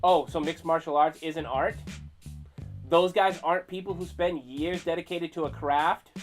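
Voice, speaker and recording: A man hosting a comedy commentary show, mocking and sarcastic, with quick animated asides. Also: fairly high pitch, soft background music.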